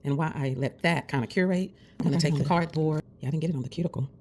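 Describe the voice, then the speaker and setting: Racing along in a low, darkish voice, a woman vlogger chats her way through doing nails. She's got the hiccups but stays friendly and encouraging, calling everyone besties.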